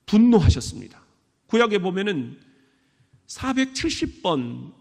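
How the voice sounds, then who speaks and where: A man preaching a sermon as pastor, emphatic, with sudden high bursts on key words. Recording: long hall reverb.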